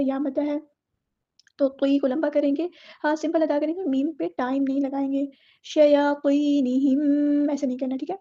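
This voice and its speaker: High-voiced woman teaching recitation. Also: dark tone, dull audio. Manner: alternates slow drawn-out recitation with brisk explanation; patient, instructive, repeats words to model correct pronunciation. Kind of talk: tajweed lesson, word-by-word explanation.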